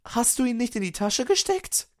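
A man voicing a young female elf lamplighter in a storybook, lifting his voice high and breathless. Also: very animated, normal speed. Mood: alarmed.

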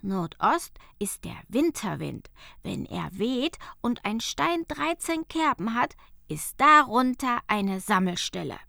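A woman voicing a calm, knowing male guide who explains and gives instructions firmly in a storybook tale. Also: fairly high pitch, takes it slowly, gravelly, no echo, studio quality, exaggerated voice. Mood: explaining.

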